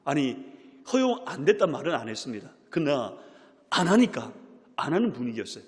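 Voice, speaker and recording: A man pastor giving a sermon, moving from quiet, close remarks to loud, emphatic calls. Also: medium pitch, very animated, a little fast. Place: church sanctuary. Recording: long church hall reverb.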